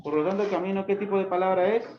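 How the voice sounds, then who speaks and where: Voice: medium pitch, steady tone, fast. A teacher giving a classroom grammar lesson, quizzing students by name with repeated questions and scolding them for not reviewing the book. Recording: echoey room, dull lo-fi sound, loud background noise.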